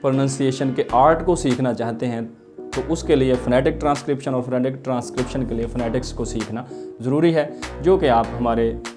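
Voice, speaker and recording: A man teaching English pronunciation in an Urdu lecture, slowly drawing out each word he models. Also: mid-range voice, over music. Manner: slow, drawn-out model pronunciations of words.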